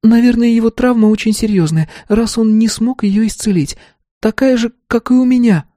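A man voicing a naive, timid young woman in a hesitant, pleading falsetto. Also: normal speed, warm tone, no echo, studio quality.

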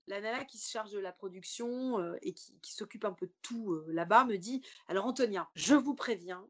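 A woman's voice: medium pitch, fairly quick. A woman comedian telling an anecdote in an interview, acting out the dialogue as she goes. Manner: animated storytelling, acts out quoted dialogue. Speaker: stand-up comedian.

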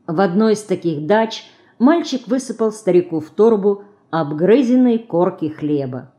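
Woman narrating a storybook evenly. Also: medium pitch. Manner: even, measured storytelling. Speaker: audiobook narrator. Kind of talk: scripted narration.

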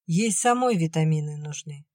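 A soft-hearted young pregnant woman, gentle and pleading, near tears, voiced by a woman reader. Her voice is lifted a little above the reader's own. The sound is dry and close. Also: deep voice, animated, normal speed, no room sound.

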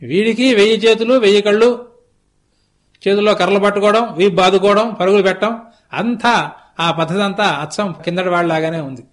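A man with a notably high-pitched voice narrates a sacred tale as a discourse. He speaks slowly and deliberately, often repeating phrases to build the scene. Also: steady tone. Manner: slow, deliberate storytelling with lots of repetition. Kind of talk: storytelling religious discourse. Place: television studio.

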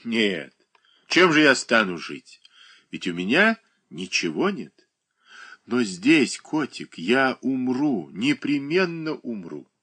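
A man voicing a sentimental, self-pitying woman who coos pet names in a slow, plaintive way. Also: mid-range voice, big pitch swings, bright, forceful tone, voice pushed up, exaggerated voice.

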